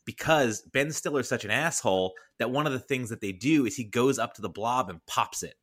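A man's voice: mid-range voice, a little fast. A man guesting on a podcast, recalling a film in casual chat and acting out quotes. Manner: acts out quoted lines in animated bursts.

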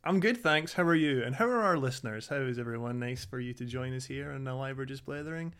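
A man's voice: mid-range voice, fast talker, fairly bright tone, clean tone. Informal man in his thirties, chatting. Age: 30s. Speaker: podcast co-host. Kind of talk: casual chat.

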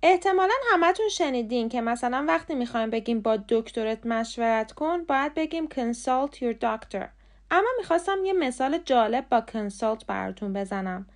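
A woman speaking Persian as a first language, hosting a short podcast lesson on English pronunciation, spelling words out slowly letter by letter. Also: a little high. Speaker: podcast host and English tutor. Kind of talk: scripted lesson.

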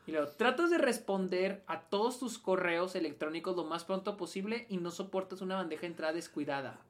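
A man's voice: high-pitched, a little fast. A young man with a Mexican accent co-hosting a casual podcast, talking in a hesitant, self-deprecating way. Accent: Mexican Spanish. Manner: hesitant, self-deprecating, mulls things over. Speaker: podcast co-host. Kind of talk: casual live-stream chat.

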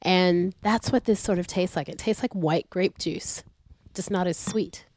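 A woman's voice: on the low side, unhurried, darkish tone, slight background noise. A woman co-hosting a casual wine-tasting chat, giggly and enthusiastic. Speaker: co-host.

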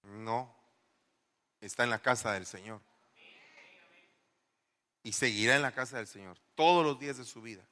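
A middle-aged male pastor giving an animated sermon in a church, firing rhetorical questions at the congregation. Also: medium pitch, moderate pace, pauses often. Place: church hall. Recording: long church reverb.

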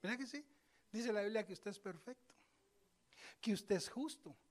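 A male preacher giving a sermon, telling scripture stories with lively asides and speaking straight to his congregation. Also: high voice, normal speed. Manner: lively storytelling, acts out scripture voices; addresses congregation directly, conversational asides.

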